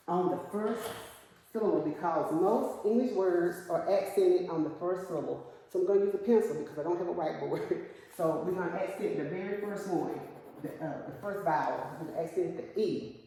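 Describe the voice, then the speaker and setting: A woman's voice: on the low side, mellow. Patient woman teaching in an echoey room. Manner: patient, asks questions and repeats the student's answers. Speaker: reading teacher. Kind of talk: one-on-one phonics lesson. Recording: echoey room, long reverb.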